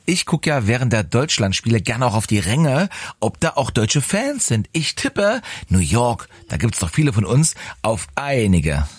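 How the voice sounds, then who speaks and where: A man's voice: mid-range voice, sing-song, a little slow, breathy edge, no echo. A man hosting a radio morning show, upbeat and chatty as he moves between guests.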